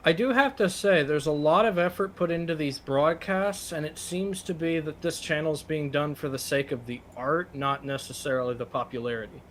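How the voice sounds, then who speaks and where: A reaction show co-host with a high-ish, slightly bright voice talks at normal speed with few pauses, over a little hiss or hum. He chats casually and swears freely during group commentary while watching videos.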